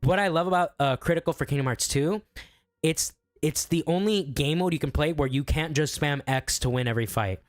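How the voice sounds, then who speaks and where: Excitable young man, swearing, laughing. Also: a little high, fairly quick, no echo, clean studio sound. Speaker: guest musician and streamer. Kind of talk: casual podcast chat.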